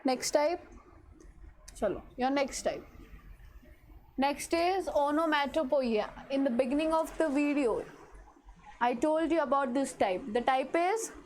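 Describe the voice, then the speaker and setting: High-voiced Indian woman teaching slowly. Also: darkish tone, a little hiss or hum. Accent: Indian English. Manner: mixes Hindi and English, keeps checking understanding. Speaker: English teacher. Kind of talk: classroom grammar lesson. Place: classroom.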